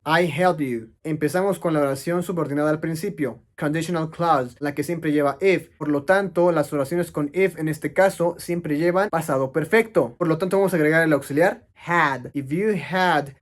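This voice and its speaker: A man teaching English grammar, explaining step by step and answering his own questions. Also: a little high. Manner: explanatory, asks questions and answers them himself.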